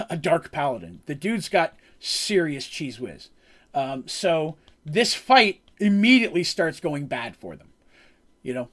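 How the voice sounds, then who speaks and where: Game master guy retelling a fight from his tabletop campaign, kinda high voice, lots of ums and restarts. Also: very animated, a little slow, a bit bright. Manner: rambling, with frequent ums and self-corrections.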